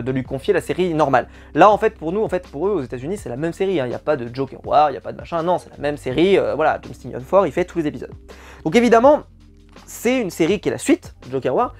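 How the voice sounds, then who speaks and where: A man hosting his channel, talking casually and at length about comic books, with many fillers and asides. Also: a little high. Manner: chatty, many fillers and asides, upbeat bursts. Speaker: comics reviewer. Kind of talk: casual review talk.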